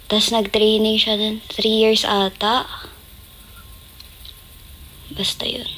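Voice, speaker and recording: A woman's voice: mid-range voice, fairly bright tone. A young woman telling stories on a casual livestream, laughing often and acting out quoted lines in a raised voice. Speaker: idol group member on a livestream.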